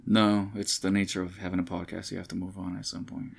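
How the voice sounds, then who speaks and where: A man's voice: low voice, little pitch movement, fast, vocal fry, slightly rough. A man from Los Angeles co-hosting a casual podcast, talking in a laid-back, slangy way. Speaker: podcast co-host.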